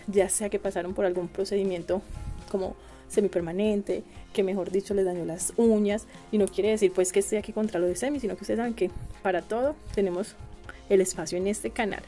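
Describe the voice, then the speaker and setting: A young woman from Colombia with a Medellín accent, chatting warmly and enthusiastically to her viewers about products. Her voice is mellow and mid-pitched. Soft music plays faintly underneath. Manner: chatty and gushing, calls viewers "chicas" and "mis amores". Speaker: beauty vlogger. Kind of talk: casual product review for viewers.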